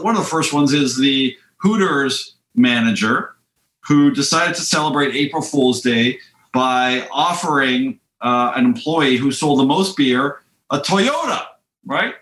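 A man's voice: a little high, roomy sound, low-quality recording. A man hosting a talk show, joking and telling stories in a casual news-chat style. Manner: joking, animated storyteller. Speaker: show host.

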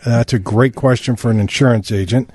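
A man's voice: mid-range voice, fairly even intonation, brisk, a little mellow, slightly rough, dry recording. A man hosting a radio show, joking and repeating the phone number. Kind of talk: casual radio talk.

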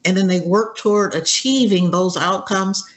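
A woman's voice: mid-range voice, normal speed. A woman of seventy is a guest on a radio talk show. She speaks casually and upbeat and often breaks into laughter. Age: 70s. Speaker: interview guest. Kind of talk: casual interview chat.

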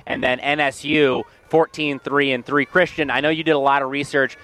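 A man hosting a live high school sports broadcast from a school field, chatting energetically with many fillers. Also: normal speed. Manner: energetic, filler-heavy play-by-play chat. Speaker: radio sports host.

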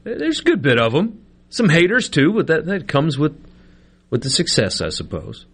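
A man's voice: fairly high pitch, wildly swooping pitch, normal speed, fairly bright tone, slightly rough. An American man hosting live sports talk radio in a casual, conversational way, spelling out details for listeners.

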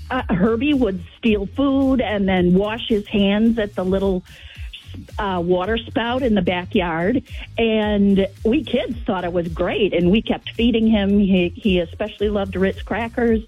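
Slow, husky woman on a dull call. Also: mid-range voice, soft background music. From Wisconsin, suburb of Milwaukee. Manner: slow, halting, emotional storyteller. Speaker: caller, sibling of the late host. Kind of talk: phone-in tribute storytelling.

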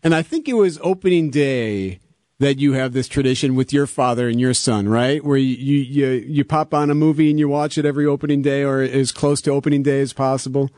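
A man's voice: mid-range voice, fairly quick, warm tone, dry recording, clean studio sound. A man hosting a morning radio show, chatting casually in a joking, teasing way as he interviews a guest.

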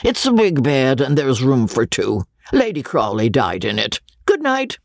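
Man reading as a gravelly, swaggering old miser lord in a storybook, pitch jumping all over. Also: wildly swooping pitch, unhurried, no echo, clean studio sound, heavily acted. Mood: gruff. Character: coarse miserly old male baronet, boastful, litigious.

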